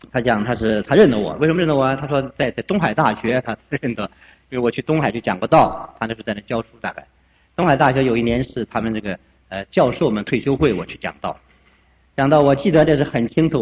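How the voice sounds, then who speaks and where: A man's voice: medium pitch, fast talker. An older man preaching a sermon, telling stories, repeating phrases and chuckling often. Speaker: pastor. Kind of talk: sermon with storytelling. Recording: dull recording with long hall reverb.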